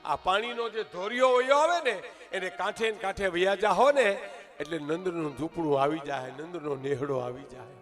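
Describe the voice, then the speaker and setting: Man playing a knowing young milkmaid, rustic and plain, high voice, soft instrumental music behind. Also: moderate pace. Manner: matter-of-fact rustic directions.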